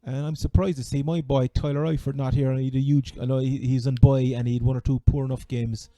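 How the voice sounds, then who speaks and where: A man with a Cork Irish accent chatting casually as a sports podcast host, halting and repeating words as he goes. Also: mid-range voice, flat delivery, warm tone, no room sound. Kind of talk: casual fantasy American football chat.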